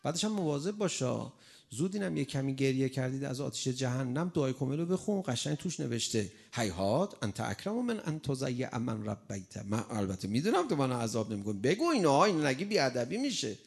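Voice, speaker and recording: A man preaching a sermon in an animated way, acting out a crying child and the replies to it. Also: medium pitch, vocal fry, husky.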